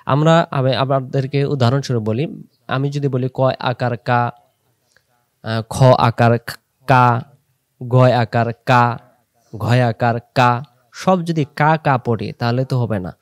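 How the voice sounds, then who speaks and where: Slow, patient male recitation teacher. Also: mid-range voice, fairly even intonation. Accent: Bangladeshi Bengali. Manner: slow, repeats letter sounds for the listener to echo. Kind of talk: slow pronunciation lesson with drills.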